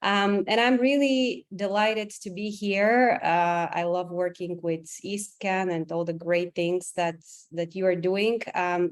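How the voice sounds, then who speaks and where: A clinical psychologist with a Bulgarian accent and a lowish voice gives a careful webinar presentation over a video call, filling her speech with many "um"s.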